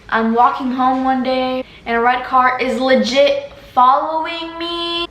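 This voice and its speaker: A woman's voice: sits high, fairly bright tone. A teenage girl telling a story in a casual, dramatic way, full of slang. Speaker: vlogger. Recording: echoey room, faint background hiss.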